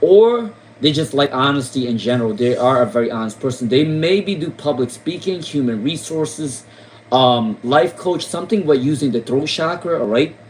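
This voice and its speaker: A man's voice: mid-range voice, expressive, normal speed, slight background noise, poor audio. A man from Rhode Island giving casual tarot readings on a live stream, repeating names and questions with many fillers. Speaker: tarot reader.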